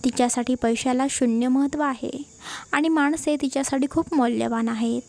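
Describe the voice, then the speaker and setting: A woman voicing a kind old grandmother who heads the family and talks gently with mild teasing. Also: sits high, steady tone, normal speed, creaky, no echo. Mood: affectionate. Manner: gentle, affectionate, mildly teasing.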